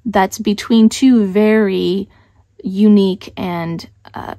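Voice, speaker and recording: A woman talks through a homeschooling curriculum in easy, conversational explanation. Her voice sits at an ordinary middle pitch. The recording is close and dry, with no room sound. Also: mellow, no echo. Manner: conversational, thinks aloud with small restarts. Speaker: homeschool channel host. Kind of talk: casual explanatory talk.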